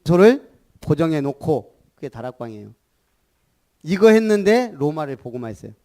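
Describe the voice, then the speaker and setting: Animated high-voiced preaching man. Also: normal speed. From Gunsan, Jeolla, South Korea. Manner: animated preaching, calls for repetition, rhetorical questions. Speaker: pastor. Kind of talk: sermon.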